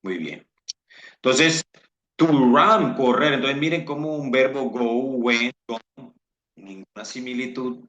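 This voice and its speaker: A male English teacher, giving a bilingual lesson and slowly repeating example sentences aloud. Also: medium pitch, fairly bright tone. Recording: roomy, dull lo-fi sound.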